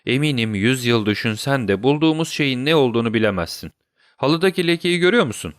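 A man voicing a sharp, commanding middle-aged detective who gives brisk orders in a storybook reading. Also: medium pitch, expressive, no room sound, clean studio sound, close to an everyday voice. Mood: assured. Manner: brisk and directive.

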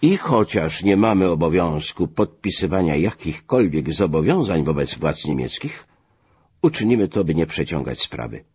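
Man voicing an angry commanding colonel, raised forceful voice, husky, muffled lo-fi recording. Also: sits low, very animated, normal speed, heavily acted. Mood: stern. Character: furious middle-aged male American colonel.

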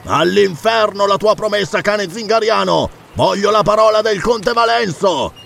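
A man's voice: medium pitch, expressive, normal speed, vocal fry, a little hiss or hum. A man playing a bluff, mocking pirate. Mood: roaring. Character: brash mocking male pirate captain. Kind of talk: audiobook character reading.

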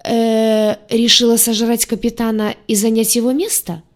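A woman's voice: on the high side, little pitch movement, moderate pace, voice pushed up, natural voice. A woman voicing a grumbling, exasperated male demon crewman in an audiobook. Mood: suspicious.

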